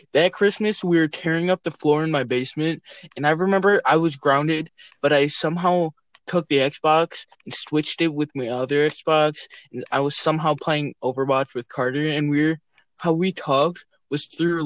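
A man's voice: fairly high pitch, normal speed, no echo. A teenage boy telling a rambling, crude story to friends over an online voice call. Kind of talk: casual chat among friends.

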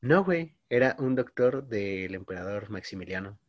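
A man in his twenties with a Mexican Spanish accent tells a long story in casual slang. His voice sits fairly low. The sound is dry and close, with no room around it. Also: lively intonation, normal speed, no room sound, muffled recording. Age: 20s. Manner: slangy, says "güey" constantly, storytelling. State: coughing. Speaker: podcast co-host. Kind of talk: casual chat.

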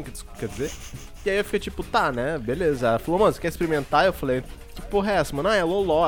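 Young brazilian guy rambling on a podcast, brazilian portuguese accent, sweary, bit high voiced. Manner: slangy, sweary, rambling storytelling. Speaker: podcast co-host. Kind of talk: casual chat.

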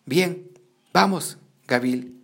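A wise, calm creature speaks with a dry, teasing patience, voiced by a man reading aloud. His tone is gravelly and sits somewhat high. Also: extremely slow, heavily acted. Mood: wry.

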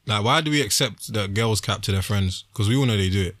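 A man's voice: lowish voice, fast, a bit bright, no room sound, studio quality. A young man with a London street accent, debating casually and insistently in slang. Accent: London (Multicultural London English). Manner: insistent, repeats points, slangy.

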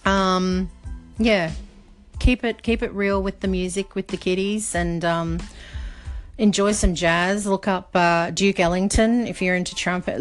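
A middle-aged woman from Australia hosting a casual podcast, chatty and rambling with many fillers. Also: lowish voice. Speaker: podcast host.

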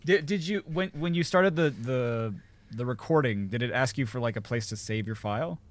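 A young man co-hosting a gaming podcast over a call, giggly and halting, often restarting his sentences. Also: medium pitch, lively intonation. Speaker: podcast co-host. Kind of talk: casual gaming chat.

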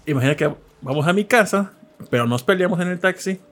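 A man's voice: sits high, brisk. A man with a Mexican accent, hosting a casual podcast chat and telling stories while acting out the people he quotes. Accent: Mexican Spanish. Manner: animated storyteller, acts out quoted voices. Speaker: podcast host.

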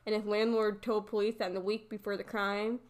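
A woman's voice: medium pitch, little pitch movement, a little fast. A woman co-hosting a casual true-crime podcast, laughing often and adding mocking asides. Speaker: podcast co-host.

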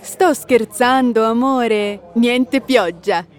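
A woman playing a teasing partner in a scripted language-course dialogue, speaking slowly. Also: a little high. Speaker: dialogue actor.

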